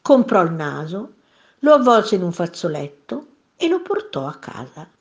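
A woman narrating a children's story in a playful, expressive way. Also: lowish voice, unhurried, lo-fi sound.

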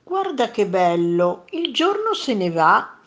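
A woman voicing a quarrelsome, hot-tempered monster in a children's story read aloud, shouting insults in a raised, lively voice. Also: mid-range voice, takes it slowly, dull audio. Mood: angry shouting.

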